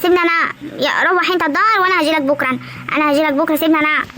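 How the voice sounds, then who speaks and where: A woman voicing a young, sharp-tongued, pregnant village wife in an animated comedy, with an Egyptian rural accent and quick bickering talk. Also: high-pitched, slight background noise. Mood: sassy.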